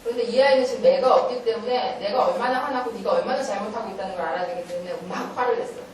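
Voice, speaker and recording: A middle-aged woman giving a lively talk at a church parenting meeting, telling stories and acting out stern scolding. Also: a little high, racing. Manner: animated storytelling, acting out stern scolding, often laughing. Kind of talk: lecture-style talk with acted quotes. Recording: echoey hall, voice from far off.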